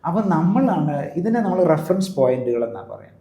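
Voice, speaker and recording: A man's voice: a little high, very animated, brisk, warm tone. A priest explaining his views in an interview, in a teacherly way, often checking with the listener. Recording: roomy echo.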